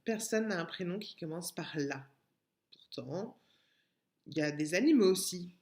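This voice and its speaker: A French woman teaching young children in a recorded lesson, speaking gently and stretching out syllables. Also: on the low side, expressive. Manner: slow, gentle, drawn-out syllables for small children. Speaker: preschool teacher. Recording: echoey room.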